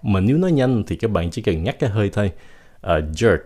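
A man teaching English vocabulary in a lively way, slowing down to spell out each English sound. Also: lowish voice. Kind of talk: language lesson.

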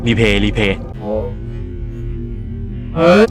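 A gaming YouTuber with a Thai accent gives chatty let's-play commentary on a horror game, swearing casually and reading the game's dialogue aloud in his own voice. He has a slight cold and a phlegmy throat. His voice is lowish and slow with big pitch swings, and music plays in the background.

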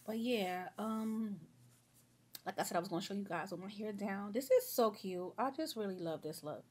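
In a medium-pitched, slightly mellow voice at a moderate pace, a young beauty vlogger does her makeup at home. A sore throat leaves her a bit sniffly as she rambles through a friendly get-ready-with-me chat, calling viewers "y'all" and "girl."

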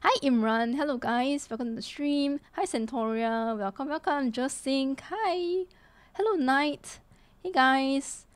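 Sitting in a small room, a young woman in her twenties chats with viewers on a casual gaming stream, her slightly hoarse voice pitched high and unhurried. The desk mic in front of her catches no echo, though music plays behind her, and she greets people amid lots of fillers.

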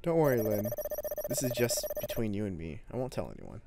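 A man's voice: on the low side, sing-song, fairly quick, vocal fry, heavy background noise. A man voicing a teasing, easygoing young woman who is an older sister, in a reading of a story game. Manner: teasing, breezy.

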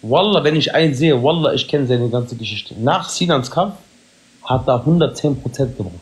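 A man with a medium-pitched voice talks casually on a livestream. He is insistent and slangy. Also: normal speed.

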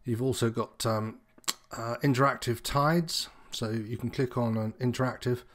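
A sailing instructor presents an informal, unscripted tutorial walkthrough, explaining things in a slightly hesitant, meandering way. His voice is mid-range, at a normal speed.

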